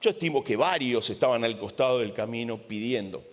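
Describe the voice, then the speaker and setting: A man's voice: mid-range voice, animated, brisk. A male preacher retelling a Bible story dramatically in a sermon. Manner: dramatic, repetitive retelling with vivid sound words. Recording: long hall reverb.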